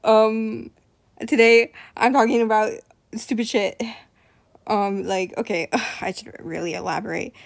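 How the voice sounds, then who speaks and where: A woman's voice: medium pitch, fairly even intonation, measured pace, creaky. A young woman streaming live, chatting casually, nervous and apologetic, rambling with lots of fillers.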